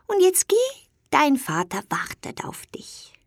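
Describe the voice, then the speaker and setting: A woman voicing a kind, wise old female toad from a storybook, speaking in a soft, whispery voice. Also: high-pitched, big pitch swings, unhurried, creaky, no room sound, studio quality, pitched above the performer's own voice, heavily acted. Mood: gentle.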